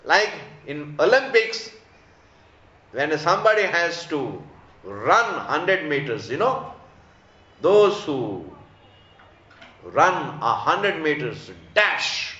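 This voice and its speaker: Slow-speaking Indian man teaching, echoey room. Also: a little high, sing-song, pushed and bright. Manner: emphatic repetition, rhetorical questions, didactic. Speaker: spiritual teacher giving scripture discourse. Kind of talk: religious discourse. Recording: echoey room, slightly dull sound.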